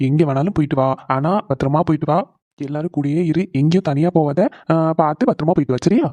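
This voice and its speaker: Guy doing a doting cartoon husband on the phone, quick talker, mellow dark tone, dry sound. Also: on the high side, dry recording, natural voice. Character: caring husband on the phone with his wife. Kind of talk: animated cartoon voice acting.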